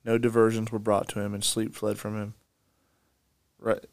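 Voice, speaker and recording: A man co-hosting a podcast, reading scripture passages aloud and then pausing to comment on them in a casual, restarting way. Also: fairly low pitch, completely flat delivery, creaky, no echo. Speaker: podcast co-host. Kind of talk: casual Bible study discussion.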